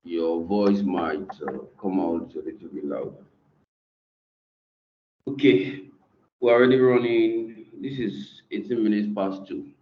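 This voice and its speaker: A male instructor leads an online lesson, captured by a screen recording of the video call. He talks slowly and hesitantly, leaning on fillers as he works through queries. The audio is muffled and roomy. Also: fairly low pitch. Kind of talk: online class lecture. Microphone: computer mic on a video call.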